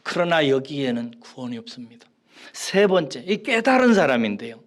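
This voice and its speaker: A male pastor preaching a sermon, dropping to hushed whispers and rising to emphatic, raised lines. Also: mid-range voice, sing-song, moderate pace.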